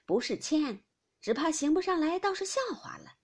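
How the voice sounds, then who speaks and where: A woman's voice: high-pitched, very animated, moderate pace, voice pushed up. A woman voicing a genteel middle-aged aunt in a storybook reading, speaking in a modest, polite way. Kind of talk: audiobook character reading.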